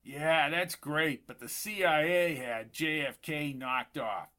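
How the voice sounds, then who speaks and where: A man voicing a gruff, cocky male tourist who talks up conspiracy theories in an audiobook. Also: on the high side, takes it slowly, bright, forceful tone.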